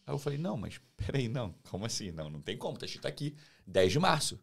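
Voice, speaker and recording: A Brazilian man with a gravelly, creaky voice at a middle pitch tells a personal testimony. He is animated and acts out the lines of each person in his story. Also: fast talker. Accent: Brazilian Portuguese. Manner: animated, acts out quoted dialogue. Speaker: guest, teacher.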